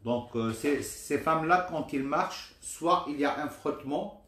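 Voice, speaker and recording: Courteous higher-pitched man, echoey room. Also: unhurried, a bit bright, a little hiss or hum. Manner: courteous, formal, hesitant repetitions. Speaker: medical travel agent. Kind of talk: explaining to live stream viewers.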